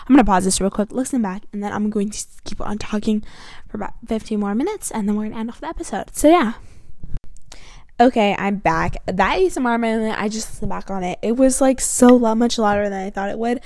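A woman's voice: medium pitch, fairly quick, a little mellow. A teenage girl rambling casually on her own podcast, full of fillers, recorded in her bedroom with a mic close to her chin. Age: teens. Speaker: podcast host. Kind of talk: casual solo podcast chat. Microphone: close mic near the chin.

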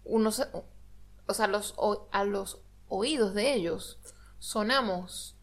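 A woman's voice: mid-range voice, slow pace. Playful woman co-host. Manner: chatty, teasing, playful. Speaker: podcast co-host and language teacher. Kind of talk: casual podcast chat.

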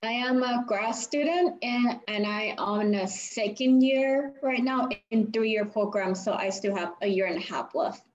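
A young woman from Thailand, speaking English with a Thai accent as an interview guest. She talks casually and haltingly, restarting sentences and leaning on "like." The recording is echoey and a little muffled. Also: a little high. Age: 20s. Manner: halting, many "like" fillers and restarts. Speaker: guest, architecture graduate student.

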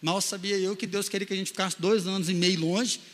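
High, bright-voiced man preaching a sermon. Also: fairly even intonation, brisk, long reverb tail. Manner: emotional storytelling, shifting from loud to hushed. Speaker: pastor.

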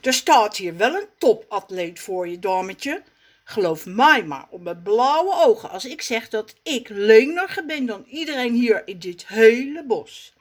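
A woman voicing a boastful, excitable male animal in a storybook reading, loud and quick to flare up. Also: sits high, pitched above the performer's own voice, heavily acted. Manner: bragging, loud and hot-tempered.

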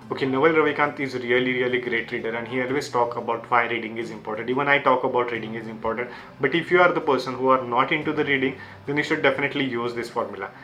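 A young man with an Indian accent, a native Marathi speaker, speaks in a medium-pitched, sharp voice over poor audio. He's a YouTube creator passing along self-help lessons from books, using earnest non-native English and simple, repeated phrasing.

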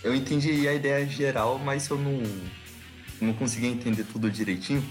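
A man's voice: mid-range voice, fairly even intonation, fairly quick, soft background music. A man co-hosting a podcast, chatting casually and slangily about songs. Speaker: podcast co-host. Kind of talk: casual chat.

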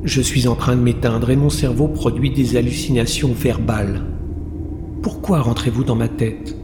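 A man's voice: mid-range voice, steady tone, moderate pace, close to an everyday voice. A man reading the part of a wounded, exhausted young woman doctor who speaks in a weary, curt inner voice. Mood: bitter. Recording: roomy long reverb, faint noise.

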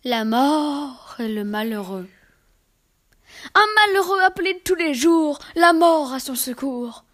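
A woman with a high voice recites verse fables aloud. Her reading is measured and expressive, shaping each line with care. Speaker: reader.

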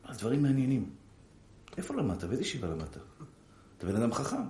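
A rabbi preaching to an audience about marriage, acting out little dialogues between spouses in changing voices. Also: male voice, medium pitch, reverberant, slight background noise. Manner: animated, acts out short dialogues with shifting voices. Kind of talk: sermon on marriage.

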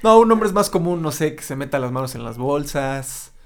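Gravelly-voiced man. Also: a little high, animated, normal speed. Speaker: podcast co-host. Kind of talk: casual chat.

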